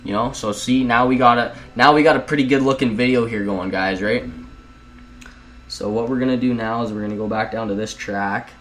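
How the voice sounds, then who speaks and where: Chatting casually from home, a young man rambles through a screen-recorded video editing tutorial, frequently addressing viewers as "guys." He has a mid-range, fairly bright voice with fairly even intonation and speaks a little fast, on poor audio with a bit of hiss or hum.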